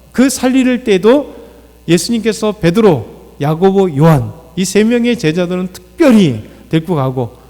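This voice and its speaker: Korean pastor preaching in a reverberant church. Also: male voice, high voice, darkish tone. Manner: unscripted preaching with fillers, acts out quoted lines. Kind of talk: dawn prayer sermon. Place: church sanctuary.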